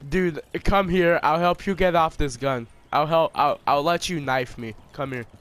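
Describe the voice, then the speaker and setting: A man's voice: a little high, fairly bright tone, clear, resonant tone. A man trolling an opponent over game chat, taunting and mocking him with jokey insults. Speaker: online gamer trolling an opponent. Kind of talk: trash-talking game commentary.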